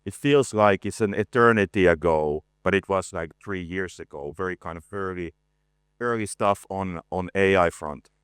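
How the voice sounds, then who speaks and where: A man in his forties giving a conference presentation, relaxed and self-deprecating, with frequent hesitations and a voice worn from talking a lot. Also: low voice, normal speed, clean tone, no echo, clean studio sound. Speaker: conference speaker, art director. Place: conference stage.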